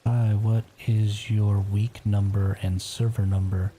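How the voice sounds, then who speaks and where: A man whispering quietly as he chats casually on a live gameplay stream. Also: fairly low pitch, little pitch movement, takes it slowly, slight background noise.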